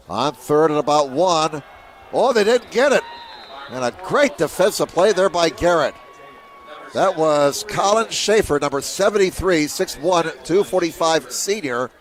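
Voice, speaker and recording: Calling play-by-play at a high school football game, this man stays steady and measured, then surges sharply whenever a big play happens.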